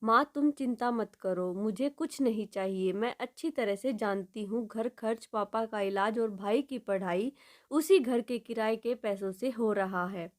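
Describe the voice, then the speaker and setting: A woman storyteller voicing an unhappy young married daughter who speaks quietly and with restrained pain. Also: fairly high pitch, unhurried, close to an everyday voice. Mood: sad.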